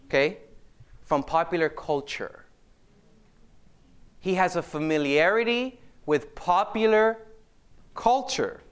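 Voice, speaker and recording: Animated male preacher, smooth clear voice. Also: sits high, slow pace, pauses often. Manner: animated, asks the audience questions, joking asides. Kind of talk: live sermon to a congregation.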